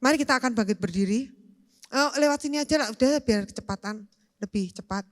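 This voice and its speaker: High-voiced woman preaching. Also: fast. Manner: animated, swings between loud outbursts and quiet talk, acts out quotes. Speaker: pastor. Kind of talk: lively youth sermon. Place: church hall. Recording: long church hall reverb.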